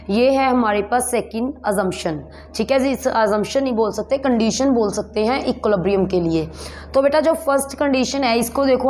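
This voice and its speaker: Higher-voiced woman teaching a class. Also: darkish tone. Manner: repeats points and dictates terms slowly, calls students "beta". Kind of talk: classroom lecture on economics.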